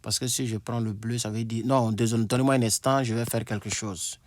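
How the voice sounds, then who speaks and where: A man teaching an English lesson at a board, slowly repeating himself and thinking aloud. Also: mid-range voice, fairly even intonation, no echo. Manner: slow, repetitive, thinking aloud with asides.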